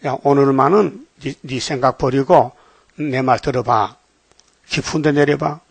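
A preacher acting out a stern male teacher who scolds his disciple in blunt, plain words. His voice sits fairly high and sounds dry and close, with no room around it. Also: level tone, normal speed, fairly bright tone, no room sound, natural voice. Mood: coaxing.

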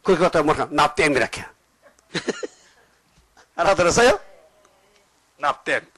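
An older male pastor delivers a lively sermon and keeps quizzing his congregation. His voice sits a little high for a man. The sound is close and dry, with almost no room echo. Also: a little slow. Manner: animated, questioning the congregation.

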